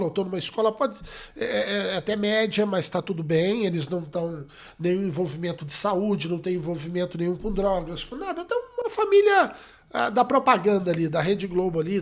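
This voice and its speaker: Male psychologist guest from Brazil with a high voice, a lively storyteller who acts out dialogue. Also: a little fast. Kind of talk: interview answers with anecdote.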